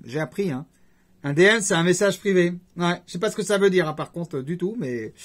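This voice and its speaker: A man chatting casually to his viewers as a YouTuber, rambling with jokey conversational asides. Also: sits high. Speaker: YouTuber host. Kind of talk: casual vlog chat to camera.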